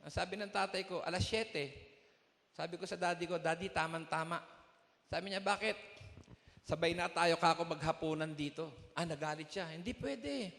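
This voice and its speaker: A man gives a heartfelt testimony to a congregation, acting out the voices in his story as he goes. His voice sits high and has a gravelly edge. The live recording carries the long reverb of a large hall. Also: fairly even intonation, normal speed, a bit bright. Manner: storytelling, acting out both sides of the dialogue. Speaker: church testimony speaker.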